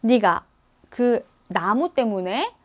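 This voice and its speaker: A woman voicing God as a patient figure who gently rebukes, speaking slowly and deliberately. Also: on the high side, expressive. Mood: questioning. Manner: slow, deliberate questioning.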